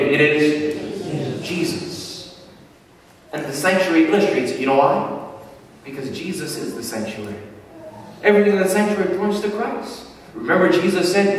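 Preacher man in an echoey hall. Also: high-pitched. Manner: call-and-response questions to the congregation; emphatic, slows down on key words. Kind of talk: sermon. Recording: echoey hall, distant mic, faint hiss.

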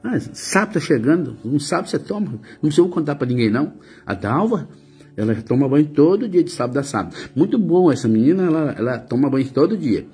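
A man's voice: a little high, sing-song, fast talker, warm tone. A Brazilian man hosting a casual live stream as a psychic, greeting viewers by name and teasing them in a chatty way. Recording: faint music behind.

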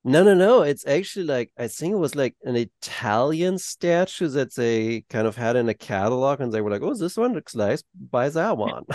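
A man's voice: mid-range voice, sing-song, moderate pace, few pauses, a little mellow, dry recording, studio quality. A man co-hosting a podcast over a video call, mostly adding short replies and now and then telling a loose anecdote. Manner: brief backchannels, loose storytelling. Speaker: podcast co-host. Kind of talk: casual interview.

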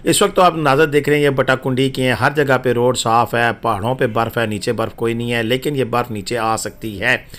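Guy doing a chatty voice-over for his travel channel, casual, lots of uh's, mid pitch. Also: steady tone, brisk, few pauses, fairly bright tone. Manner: chatty, informal, with frequent fillers. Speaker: travel vlogger giving weather updates.

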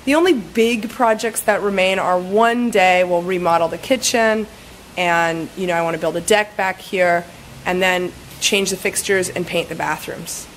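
A woman's voice: fairly low pitch, moderate pace, a little hiss or hum, low-quality recording. A woman in her forties, filming herself at arm's length with a phone in an outdoor garden, talking in a chatty, rambling way with lots of "like". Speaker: travel vlogger. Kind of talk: casual vlog walkthrough. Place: outdoor garden courtyard of a house. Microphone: phone camera at arm's length.

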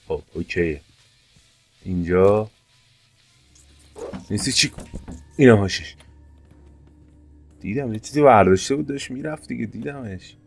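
A man commentating his gameplay casually, excitable, jumping to sudden high-pitched yelps. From Iran. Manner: excitable, jumps to high-pitched yelps when fires start. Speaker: gameplay streamer. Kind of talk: casual let's-play commentary.

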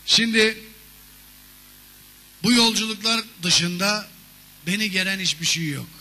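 Bright-voiced man doing stand-up. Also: high-pitched, slow. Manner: animated storytelling with shouted character voices. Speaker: stand-up comedian. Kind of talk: stand-up comedy monologue. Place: theater stage before a live audience. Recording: long reverb of a stage hall.

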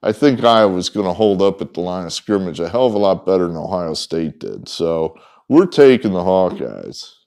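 Standing in front of a whiteboard in a wood-paneled indoor room, a middle-aged man talks casually to camera about sports betting picks. His low, gravelly, slightly mellow voice is sing-song at a moderate pace, and he rambles in a folksy way with frequent ums and asides that trail off.

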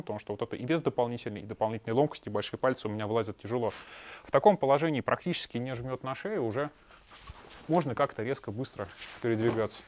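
Recording in a small shop room on a lapel mic, a shop owner in his thirties gives a blunt, sarcastic product review of a backpack, with crude asides thrown in. His voice is mid-range, and there's slight background noise.

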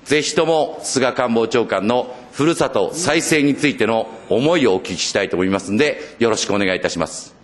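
A man's voice: medium pitch, lively intonation, brisk. A man from northern Japan, a legislator, putting questions in a formal parliamentary committee in a ceremonious way with frequent hesitation fillers, speaking into a desk microphone. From Akita, Japan.

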